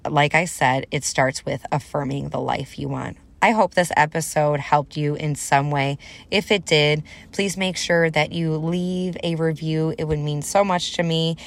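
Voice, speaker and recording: Speaking directly to her audience, this podcast host, a deep-voiced woman in her thirties, keeps her solo motivational show encouraging and conversational.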